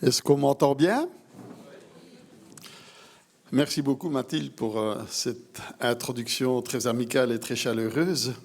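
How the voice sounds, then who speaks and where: An older man giving a prepared medical conference talk in a measured, literary way. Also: medium pitch. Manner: measured, literary phrasing, clear delivery. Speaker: medical lecturer.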